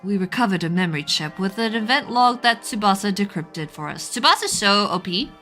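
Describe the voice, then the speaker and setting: An excitable, theatrical woman doing let's play commentary and reading game dialogue aloud. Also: medium pitch, brisk. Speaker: game streamer. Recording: game music behind. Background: video game music.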